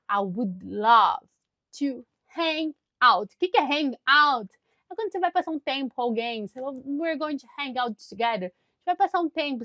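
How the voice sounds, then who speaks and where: A woman with a Brazilian Portuguese accent giving a conversational English lesson. She explains chattily and repeats English phrases slowly and deliberately. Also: a little high, no echo. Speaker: English teacher.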